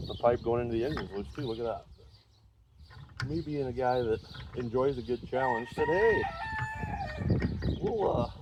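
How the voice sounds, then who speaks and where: Congested and clearing his throat, a small engine repair vlogger rambles folksily and pokes fun at himself while tinkering with an old engine. His voice is mid-range, and the recording is lo-fi with background noise.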